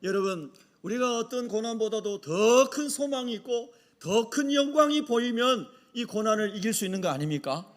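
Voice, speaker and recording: A man's voice: sits high, expressive, moderate pace, hardly any pauses. A male pastor preaching a sermon with impassioned delivery and rhetorical questions to the congregation.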